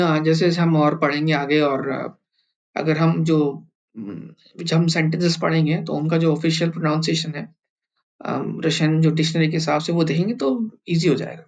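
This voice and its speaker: A man teaching a language lesson, patiently sounding out words one syllable at a time and repeating each one, with frequent fillers. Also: on the high side. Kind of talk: slow screen-recorded tutorial.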